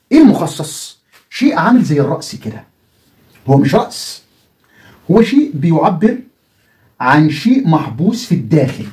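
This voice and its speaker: A man's voice: on the high side, a little mellow. A man with an Egyptian Arabic accent teaching a lesson, asking the viewer questions and answering them himself. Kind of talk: explanatory video lesson.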